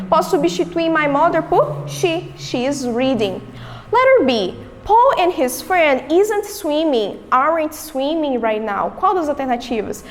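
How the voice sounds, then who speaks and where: A high-pitched woman with a Brazilian Portuguese accent teaches an English lesson, walking through each rule step by step. She asks herself questions and then answers them. Her voice rings with a long reverb, as if she is in a reverberant room. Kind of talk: recorded remote lesson.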